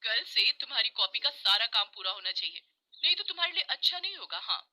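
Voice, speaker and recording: A woman's voice: sits high, lively intonation, normal speed, sharp tone, voice pushed up, heavily acted. A woman voicing a cruel, snobbish female teacher who scolds a poor pupil. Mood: threatening. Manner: cold, scolding.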